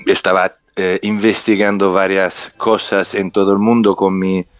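Halting low-voiced man with English-speaking foreign accent. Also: level tone, no room sound. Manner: halting, searching for words, emphatic repetition. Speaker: interview guest, underwater explorer and researcher. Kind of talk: unscripted interview storytelling. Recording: muffled sound with music behind.

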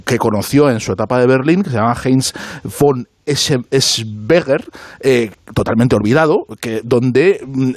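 A man's voice: medium pitch, no echo, studio quality. A man talking as a panelist in a casual radio discussion, building his argument with emphatic rises. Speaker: author, panelist.

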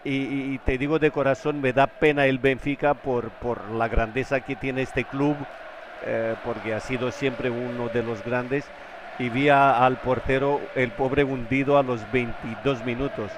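A man's voice: medium pitch, flat delivery, a little slow. A man giving live football analysis as a pundit, emphatic and admiring, often repeating words as he goes. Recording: noisy outdoor stadium ambience.

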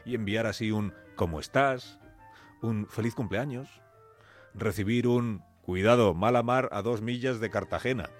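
With soft music in the background, a man whose accent is Castilian Spanish narrates a scripted radio story, dramatic and deliberate, in brief suspenseful phrases. His voice sits on the low side.

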